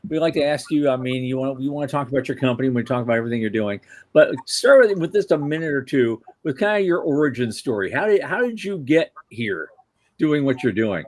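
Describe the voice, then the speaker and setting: A man's voice: medium pitch, expressive, fast, darkish tone. A man hosting a podcast, talking in a casual, chatty way with informal asides. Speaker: podcast host. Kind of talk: casual interview chat.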